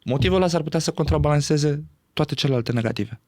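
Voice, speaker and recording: A man speaking as a podcast guest in animated conversation, often laughing and acting out what others say. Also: on the high side, no room sound, clean studio sound. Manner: animated, acts out quoted speech, laughs often.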